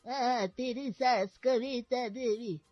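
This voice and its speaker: A woman voicing a cranky elderly grandmother who scolds loudly and slowly. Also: fairly high pitch, steady tone, dry recording, highs cut off, soft background music. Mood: scolding. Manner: loud, scolding, slow.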